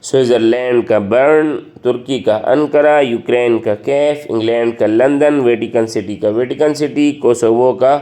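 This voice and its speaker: A man teaching general knowledge, reciting a list of countries and capitals at an even rote pace and slowing down on difficult foreign names. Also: medium pitch. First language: Urdu. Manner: steady rote recitation, stumbles and slows on hard foreign names.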